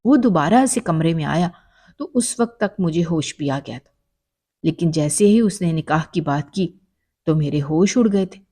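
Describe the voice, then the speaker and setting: A woman's voice: sits low, animated, warm tone. A woman telling a dramatic first-person story in an emotional narrating style.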